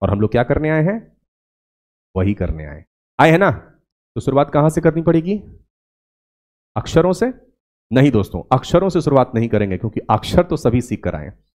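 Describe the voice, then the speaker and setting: A man from India teaching a spoken English demo lecture in a classroom, asking the class questions and repeating words slowly to show pronunciation. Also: mid-range voice, big pitch swings, a little mellow.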